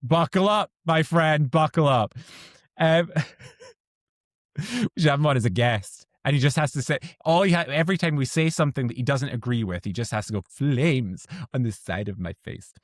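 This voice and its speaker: A man's voice: on the high side, expressive, moderate pace, no room sound, clean studio sound. Chatty man hosting a podcast. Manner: chatty, playful, self-deprecating. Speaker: podcast co-host. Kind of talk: casual podcast chat.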